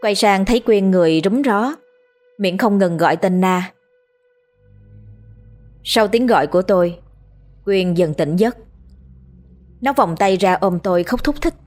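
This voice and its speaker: A woman narrates a scripted horror story at a mid pitch. Her delivery stays steady and measured throughout. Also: soft background music.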